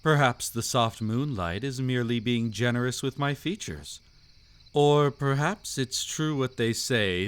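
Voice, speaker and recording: In a scripted roleplay audio, a man with a natural, medium-pitched voice plays a suave, predatory old vampire count. His delivery is aristocratic and silky, teasing and theatrical.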